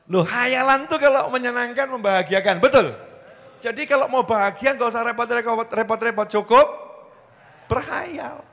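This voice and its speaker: A man's voice: very high voice, moderate pace, a bit bright. A man with a Javanese accent preaching to a congregation in a jokey way, acting out little scenes and slipping into Javanese. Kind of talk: lively religious talk to a congregation. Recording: long hall reverb.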